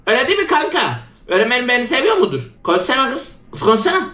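Excitable high-voiced man, a bit under the weather. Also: racing, roomy sound, a little hiss or hum. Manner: excitable, exclaiming, laughs often, talks to viewers. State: slightly ill, voice a bit rough. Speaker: gaming channel host. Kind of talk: excited game commentary.

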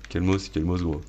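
A man hosting a gaming video, joking and shouting at the game as he plays and talks to his viewers. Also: low-pitched, highs cut off, a little hiss or hum. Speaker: gaming channel host. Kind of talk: live let's-play commentary.

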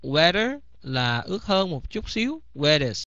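A man's voice: fairly high pitch, sing-song, measured pace, bright, forceful tone, no echo. A man teaching English vocabulary in a bilingual lesson, repeating each word several times. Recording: slightly dull, dry recording.

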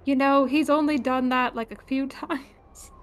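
A woman's voice: sits high, steady tone, unhurried. A woman playing a tabletop game, giggly and hesitant. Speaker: player.

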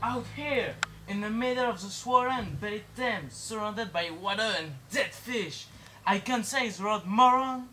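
A man's voice: sits high, measured pace, bright, forceful tone, slight background noise, exaggerated voice. A man playing a defiant runaway teenage boy who is rowing, bossy, insistent and mocking. He performs on an outdoor garden stage. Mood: bickering.

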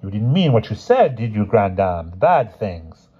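A man voicing a respectful young woman who speaks softly and gently reproves or apologizes. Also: fairly low pitch, big pitch swings, normal speed, husky, dull audio. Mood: gentle.

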